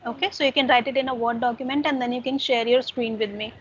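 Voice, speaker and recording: A woman tutors German over a video call, her voice a touch high. She is patient and switches between German and English. The line is muffled, with faint hiss behind. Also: steady tone, quick pace. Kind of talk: online tutoring session.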